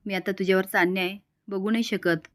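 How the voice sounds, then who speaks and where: A woman's voice: mid-range voice, steady tone, a little fast. A woman narrating a recap of a TV serial episode and reading out each character's quoted lines in turn.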